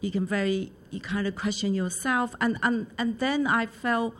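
Taiwanese woman speaking halting English. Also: medium pitch, a bit bright. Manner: halting non-native English, short agreeing replies. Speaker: guest, charity founder. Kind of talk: interview answers.

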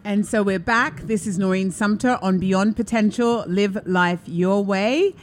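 A woman hosting a talk radio show, telling stories in an animated way, laughing and acting out quotes. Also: medium pitch, measured pace, faint music behind. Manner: animated storyteller, laughs often, acts out quotes. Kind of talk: casual radio chat.

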